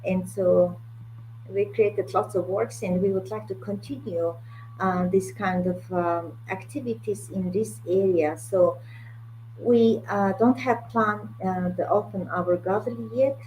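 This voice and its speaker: A woman's voice: mid-range voice, fairly even intonation, measured pace, a little mellow, poor audio. A woman with a Mongolian accent speaking English as a second language, hesitant and searching for words as a guest in an online talk. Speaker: guest, art curator. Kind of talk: online talk about own work. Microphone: video call. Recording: video call with faint noise and hum.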